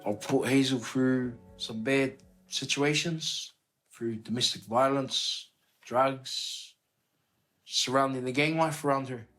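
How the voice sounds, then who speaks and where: A man's voice: medium pitch, fairly even intonation, takes it slowly, a bit bright, faint music behind, low-quality recording. A man with a New Zealand accent talking casually and off the cuff. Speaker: documentary participant. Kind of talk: casual unscripted talk.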